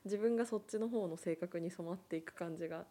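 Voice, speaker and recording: A woman chatting as a guest, talking quickly with many fillers and frequent laughter. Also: fairly low pitch, dark tone. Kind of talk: casual chat.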